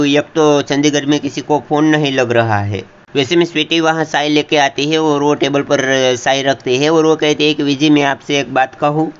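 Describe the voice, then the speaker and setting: A man's voice: a little high, clear, resonant tone. A man hosting a channel, retelling a TV serial episode scene by scene in a casual storytelling flow and addressing his viewers as friends. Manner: retells scenes in a steady storytelling flow, often with "then she says". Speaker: channel host recapping a TV serial. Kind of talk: casual episode recap narration. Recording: dull lo-fi recording.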